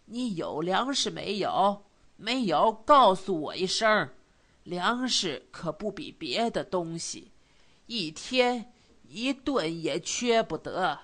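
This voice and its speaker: An elderly grandfather presses his old friend with earnest, caring insistence, played by a woman reader. His voice is slow and unhurried. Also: mid-range voice, lively intonation, fairly bright tone, full character voice. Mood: concerned.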